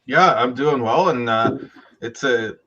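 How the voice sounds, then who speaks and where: A man's voice: mid-range voice, a little slow, a bit bright. Guy from alberta chatting on a podcast, rambly, lo-fi muffled audio. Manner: rambling with restarts. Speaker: podcast co-host. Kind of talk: casual chat. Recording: slightly dull lo-fi audio.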